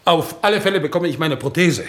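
An actor playing a crippled, devout war veteran on crutches who speaks in an earnest, excitable, stiffly dutiful way, in a 1960s radio drama. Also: male voice, on the high side, fast. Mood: zealous.

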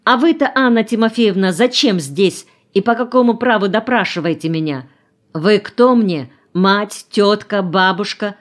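A woman's voice: medium pitch, unhurried, voice pushed up, close to an everyday voice. A woman reading an audiobook voices a touchy teenage boy who answers back defiantly and haughtily.

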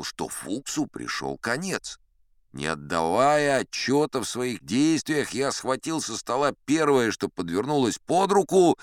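An actor playing a pompous old sea captain, telling tall tales in a theatrical audiobook style with chatty asides. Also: male voice, medium pitch, a bit bright, no room sound, clean studio sound, full character voice. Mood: dramatic, suspenseful. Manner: pompous, conversational asides to a young listener. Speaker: audiobook performer narrating as a character. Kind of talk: theatrical first-person storytelling from an adventure audiobook.

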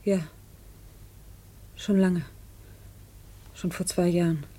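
An actress playing a frightened woman witness in a 1950s radio drama, speaking in a breathy, faltering, near-whispered way. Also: on the low side, level tone, slow, warm tone. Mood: fearful, hesitant.

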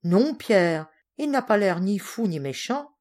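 A woman voicing a sensible, kindly cook who speaks calmly. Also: medium pitch, unhurried, natural voice.

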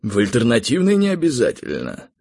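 A man voicing a calm, weary male tiger spirit who speaks gravely and matter-of-factly in an audiobook. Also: medium pitch, brisk, no echo, clean studio sound. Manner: quiet, grave, matter-of-fact. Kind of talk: audiobook character reading.

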